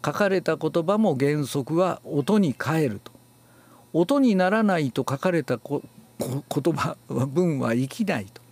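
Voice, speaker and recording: A male announcing teacher lectures in an unhurried, explanatory way, with frequent filler pauses between phrases. His voice is on the high side and gravelly, and his pitch rises and falls widely as he leans hard on key words. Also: lively intonation, a little mellow. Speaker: announcing and reading instructor. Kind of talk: spoken lecture on speech theory.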